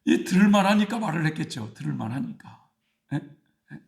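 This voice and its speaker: A male pastor delivers a sermon in a raised, gravelly voice. He tells a story and keeps turning to his congregation with short prodding questions. The sound carries through a roomy, echoing space. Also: a little high, big pitch swings, moderate pace. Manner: tells stories and prods the congregation with repeated "예?" and "음?".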